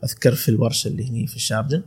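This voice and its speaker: A man's voice: mid-range voice, steady tone, racing, darkish tone, husky. A man in his twenties with an Emirati accent, a calligrapher telling stories in casual podcast chat, laughing often and restarting his sentences. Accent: Emirati Arabic. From UAE, Khor Fakkan. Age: 20s. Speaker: calligrapher guest.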